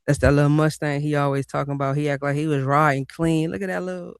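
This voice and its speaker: A man's voice: fairly high pitch, little pitch movement, fast, vocal fry, very noisy. A man giving casual live reaction commentary, profane and mocking, often laughing at the clip.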